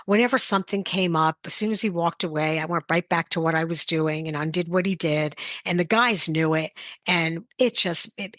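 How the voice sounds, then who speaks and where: A woman coach with a fairly low, slightly bright voice hosts a motivational podcast, recorded with no echo. She talks directly and plainly, telling personal stories in a conversational way.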